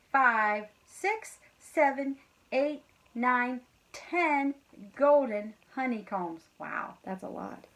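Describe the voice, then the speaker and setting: A teacher with a fairly high voice reads a picture book aloud to her young pupils as a bedtime story. She's animated and encouraging, addresses the children directly, and drops in casual, chatty asides.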